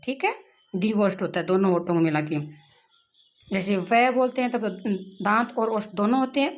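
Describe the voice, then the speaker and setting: Woman teacher going thru word lists slow, exam prep lesson, kinda dull lo-fi sound. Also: medium pitch. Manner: slow, deliberate listing of words with asides. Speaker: Hindi grammar teacher.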